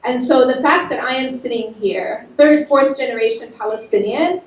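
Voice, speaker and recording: A woman's voice: sits high, moderate pace. A woman panelist from Jordan, speaking about her life with heartfelt feeling that grows impassioned. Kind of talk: panel discussion. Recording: echoey room, distant mic.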